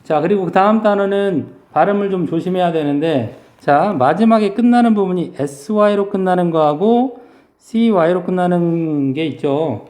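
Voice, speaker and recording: A male English teacher giving a vocabulary lesson, explaining slowly and drawing out English words to model their pronunciation. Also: high voice, animated, darkish tone, echoey room.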